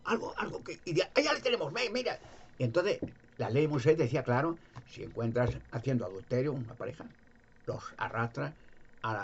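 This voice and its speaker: A man's voice: mid-range voice, a little mellow, muffled recording, a little hiss or hum. A man with a Spain Spanish accent retelling a gospel story in a rambling, repetitive, folksy way. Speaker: religious storyteller. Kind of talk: casual retelling of a Bible story.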